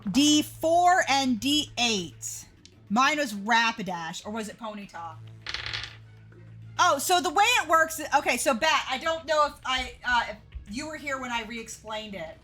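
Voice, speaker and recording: A woman's voice: high-pitched, a bit bright. A young adult woman chatting casually with her live stream audience, laughing easily. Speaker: game streamer. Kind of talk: casual livestream chat.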